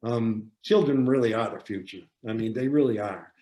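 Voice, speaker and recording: A man giving a seminar talk, telling a story in an animated way and repeating phrases for emphasis. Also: fairly low pitch, moderate pace, highs cut off. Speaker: seminar presenter on parenting. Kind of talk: storytelling lecture. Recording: roomy echo.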